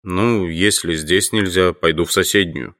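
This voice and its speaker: A male actor with a low, fairly bright voice portrays a courteous, well-educated insect-collecting teacher in an audio drama. His delivery is patient and a little slow.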